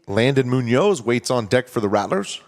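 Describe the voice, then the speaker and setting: A male baseball announcer with a mid-range voice, calling each pitch in an even, conversational way. Between plays he explains the strategy, keeping a relaxed, steady flow. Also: moderate pace. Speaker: play-by-play announcer. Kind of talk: baseball commentary.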